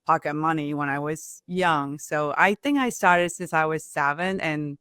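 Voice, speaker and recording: In a close, dry recording with no echo, a Burmese woman shares her personal journey as an entrepreneur and restaurant owner during an interview. She speaks non-native English in simple, halting phrases. Her voice sits low and comes across clear, smooth and slightly bright.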